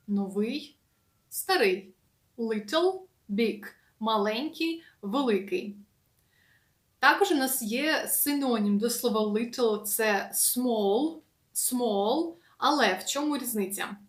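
A woman teaching an English lesson in a casual, patient way, slowly repeating words with many fillers. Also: fairly high pitch, echoey room.

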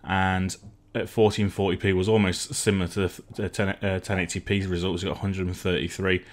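Tech youtuber guy, low monotone voice, lots of ums and restarts. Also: a little fast. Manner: hesitant, many ums and restarts. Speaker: tech reviewer. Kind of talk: casual benchmark review.

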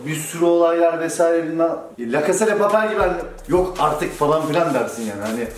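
A man's voice: a little high, fast talker. A young man with a sniffly cold, chatting casually and jokingly as a barber hosting a vlog. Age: young adult. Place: indoor barbershop. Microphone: camera a few steps away. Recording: echoey room, distant mic, music behind.

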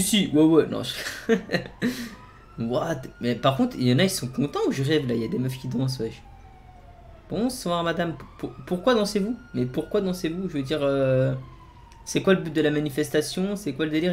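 A man hosting a gaming video, giving playful commentary and jokingly barking commands as a team leader, excitable and joking. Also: on the high side, brisk. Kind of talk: playful game commentary with role-play commands.

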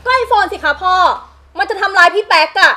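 A woman's voice: very high voice, expressive, brisk, sharp tone, exaggerated voice. A woman playing a spoiled, sneering young daughter. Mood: whining. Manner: sneering, whiny.

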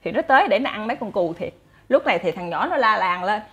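A woman with a Southern Vietnamese accent, chatty and animated, telling folk stories to her listeners as a channel host. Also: mid-range voice, quick pace, dull audio. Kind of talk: casual folk storytelling.

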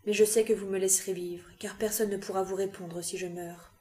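A woman's voice: medium pitch, steady tone, fairly quick, warm tone, lightly acted. Woman reading old man, frightened, pleading, tearful, level voice, audiobook.

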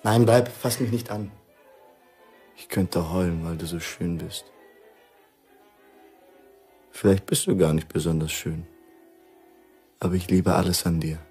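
An actor playing a weary, doomed husband who speaks in a husky, hushed, halting voice, in an old mono radio play with music. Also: male voice. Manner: low, hushed and halting, growing urgent. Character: weary doomed husband Bill, middle-aged man.

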